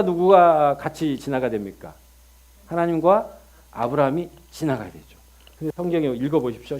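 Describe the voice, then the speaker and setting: A middle-aged male pastor preaching a sermon, telling the story in an animated way and acting out dialogue with sudden loud outbursts. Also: a little high.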